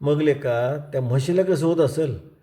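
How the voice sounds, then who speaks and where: A man voicing a domineering village strongman with a whip, who shouts threats in rough rustic speech. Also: a little high, normal speed, close to an everyday voice. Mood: harsh, commanding.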